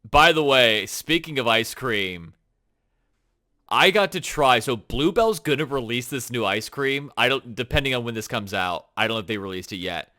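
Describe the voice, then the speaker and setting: A man co-hosting a gaming podcast, talking in an excited, rambling way full of fillers. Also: mid-range voice, normal speed. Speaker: podcast co-host. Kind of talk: casual chat.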